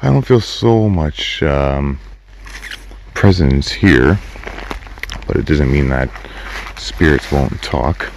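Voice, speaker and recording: A man's voice: very deep voice, expressive, takes it slowly, gravelly, pauses often, a little hiss or hum. A man casually hosting an exploration vlog with a laid-back, folksy way of talking, recorded outdoors on a handheld camera. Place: abandoned shack in night woods, outdoors.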